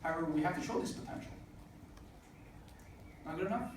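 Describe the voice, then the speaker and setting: Fairly quick and a little high-pitched, a man in his twenties delivers heartfelt motivation as a speaker at a student business event, frequently saying "uh." The recording picks him up from a distance in an echoey hall with plenty of noise.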